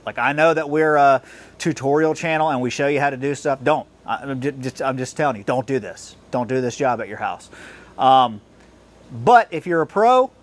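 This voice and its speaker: A man, a professional mechanic hosting a repair channel, talking casually to camera in a repair shop, rambling and restarting as he earnestly warns viewers. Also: medium pitch. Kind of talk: casual wrap-up talk to camera. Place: auto repair shop with a lift.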